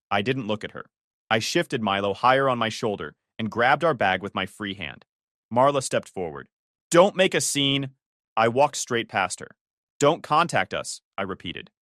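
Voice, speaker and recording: A man calmly telling a first-person story, giving the quoted lines their own voices. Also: on the low side, dry recording, clean studio sound. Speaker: narrator.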